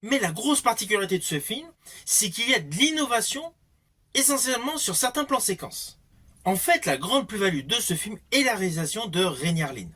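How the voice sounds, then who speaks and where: A man's voice: high-pitched, very animated, brisk, bright, forceful tone, slightly rough. A man giving a scripted film review, explaining things with emphatic phrasing. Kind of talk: scripted movie review narration.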